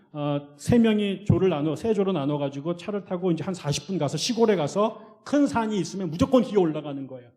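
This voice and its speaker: Male pastor, middle-aged, preaching in an animated storytelling manner, a bit higher-pitched. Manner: animated storytelling, swings between loud outbursts and hushed asides. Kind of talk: sermon.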